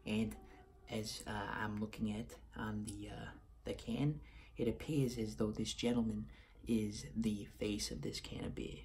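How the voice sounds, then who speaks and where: A man's voice: on the low side, little pitch movement, measured pace, creaky, darkish tone, slight background noise. A man in his thirties with a Boston accent, giving a casual beer review and partly reading aloud in a room at home.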